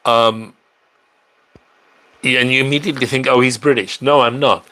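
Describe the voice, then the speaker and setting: A man's voice: mid-range voice, fairly even intonation, moderate pace, pushed and bright. A middle-aged man hosting a live stream, chatting casually and answering viewer questions, rambling with fillers and restarts. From South Africa. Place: apartment in a large city.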